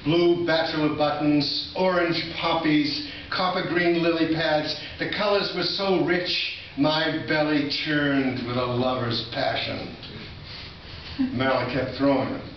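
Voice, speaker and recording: With a steady tone and a voice on the high side, the older poet from Massachusetts takes his time through a live reading, sprinkled with relaxed, reminiscing remarks. The college room recording is distant and echoey with noticeable noise, and the highs are missing.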